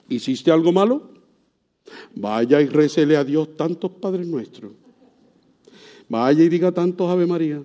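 A man with a Puerto Rican accent preaching a sermon in an animated way, often asking his congregation questions. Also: high voice. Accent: Puerto Rican Spanish. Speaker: pastor.

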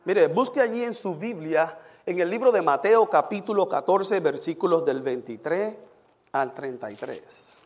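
A man preaching from the pulpit in a high voice. He climbs to emphatic peaks on key points and sinks low and quiet in prayer. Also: expressive, a little slow. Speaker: pastor. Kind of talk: sermon with scripture reading and prayer.

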